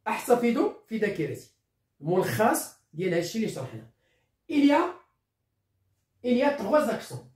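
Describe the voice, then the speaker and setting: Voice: mid-range voice, sing-song, fast, long pauses, a little mellow. A teacher with a Moroccan accent giving a recorded lesson, patiently repeating and spelling out words, with short explanations in Darija. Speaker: primary school teacher. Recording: echoey room, voice from far off.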